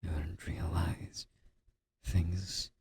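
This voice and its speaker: A man doing an ASMR role-play as a comforting boyfriend, speaking in a soft, breathy, intimate murmur with a husky, gravelly edge, close to the microphone. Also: low voice, flat delivery, a little hiss or hum. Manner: slow, gently reassuring boyfriend-style comforting.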